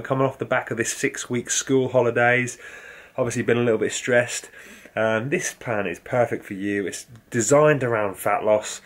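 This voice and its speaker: A young man talking casually to camera in a home vlog, upbeat and chatty with lots of fillers. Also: mid-range voice. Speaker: fitness vlogger.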